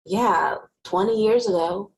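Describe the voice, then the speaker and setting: Here a female actor takes on the part of a sharp-tongued, guarded, wry teenager narrating her own tale conversationally for a dramatic novel reading. She speaks slowly in a mid-range voice, and the mood stays casual.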